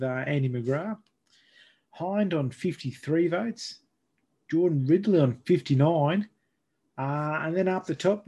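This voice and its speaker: Husky, higher-voiced Australian man co-hosting footy podcast. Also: mellow. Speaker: sports podcast co-host. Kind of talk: casual football chat and tallies.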